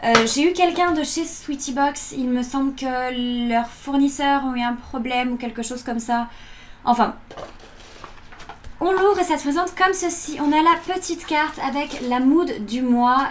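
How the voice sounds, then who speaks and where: Young woman w a high voice, chatty casual unboxing review, bit of fan noise behind her. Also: measured pace. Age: early twenties (23). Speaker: beauty box unboxing vlogger. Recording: electric fan noise in background. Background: whirring electric fan.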